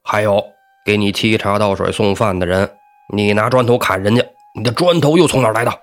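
A man's voice: fairly low pitch, fairly quick, close to an everyday voice. A man voicing a drunken, fearless warrior who barks curt commands. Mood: gruff threats.

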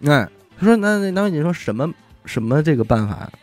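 A man's voice: a little high, fast talker, soft background music. A man, hosting a podcast and retelling a story in casual chat, often dropping in little 'ai' interjections. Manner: lively retelling with frequent 'ai' interjections and laughs. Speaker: podcast host.

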